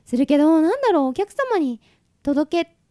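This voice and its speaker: A woman's voice: high-pitched, big pitch swings, moderate pace, dark tone. A young woman co-hosting a radio show, chatting casually and encouragingly, laughing easily. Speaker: radio co-host.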